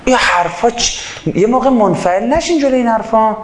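A man giving an impassioned sermon into a microphone. He swings between loud fervor and quiet asides and acts out little dialogues. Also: extremely high pitch, lively intonation. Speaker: preacher.

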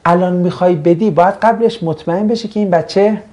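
In a high, somewhat mellow voice, a man who teaches religious studies runs his classroom lesson. He's playful, bantering with the students and posing questions to them.

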